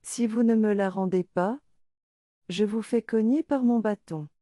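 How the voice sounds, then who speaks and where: A woman's voice: medium pitch, unhurried, warm tone, dry recording, clean studio sound, close to an everyday voice. A woman voicing Jean, a bold young man in a storybook tale who makes firm demands.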